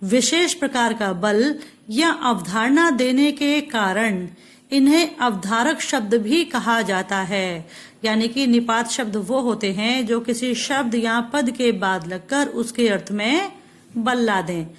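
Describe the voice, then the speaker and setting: A woman from India teaching a Hindi grammar lesson, patiently explaining step by step and reading example sentences slowly. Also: fairly high pitch, lively intonation.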